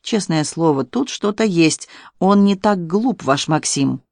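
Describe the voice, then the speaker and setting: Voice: medium pitch, animated, a little slow, gravelly, a little mellow, no echo. Brief: narrator doing a knowing, ironic detective, dry close audiobook sound. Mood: wry.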